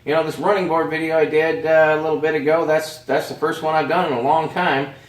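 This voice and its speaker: A man with a cold and a voice going hoarse, giving a laid-back, rambling walkaround of a project in a casual vlog. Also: a little high, little pitch movement, fairly quick. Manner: laid-back, rambling, lots of "uh" and "you know". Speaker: vlogger.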